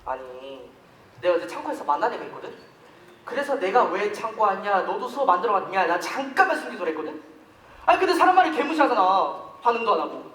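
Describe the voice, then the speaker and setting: A man's voice: high voice, sing-song, fairly bright tone. A teenage boy in a school play, acting a chatty, easily offended schoolboy who grumbles a lot. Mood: fuming. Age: teens. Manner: talkative, quick to take offence, grumbling. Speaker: student actor in a school play. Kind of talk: amateur stage acting. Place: school stage. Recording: echoey hall, mic far from stage, faint noise.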